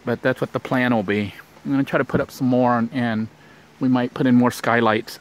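A man building a shelter in the brush narrates his casual vlog into a handheld camera, rambling with plenty of fillers as he thinks out loud. His voice is mid-range, fairly even in intonation, and a little fast.

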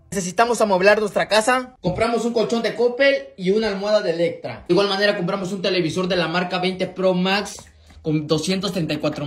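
A man with a Mexican Spanish accent narrating mock tutorials in a deadpan, step-by-step way. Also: high-pitched. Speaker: comedy creator.

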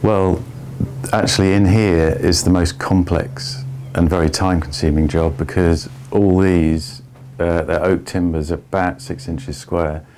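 A man in his fifties giving a measured, step-by-step tour of an old barge's wooden hold. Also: low voice, fairly even intonation, a little mellow, slight background noise. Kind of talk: explanatory walking tour.

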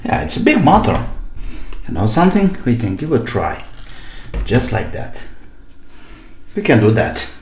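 At a desk in a small indoor home workshop, a middle-aged hobby repairer presents his own video, giving casual running commentary in short bursts and asking himself questions as he muses. His mid-range voice swoops wildly in pitch at a measured pace with frequent pauses. The room is echoey, with loud noise and clicks.

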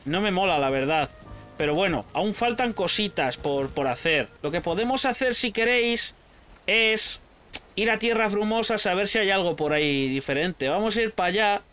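A man with a Spain Spanish accent giving casual, excitable gameplay commentary, shouting at pets and swearing freely. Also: high voice, normal speed, clear, resonant tone. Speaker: gaming channel host.

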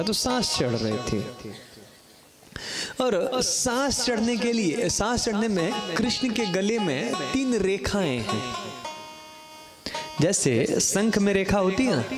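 Slow-paced preacher with music behind. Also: male voice, sits high. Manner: call-and-response verse chanting then storytelling. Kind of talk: devotional scripture discourse.

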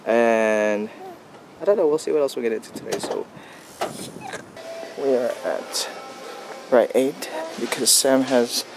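A young man chatting casually to his camera as a vlogger, relaxed and full of loose fillers. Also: mid-range voice, unhurried, long pauses. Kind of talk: casual vlog chat. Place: out and about, cafe, store and street. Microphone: handheld camera. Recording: loud background noise on a handheld camera.

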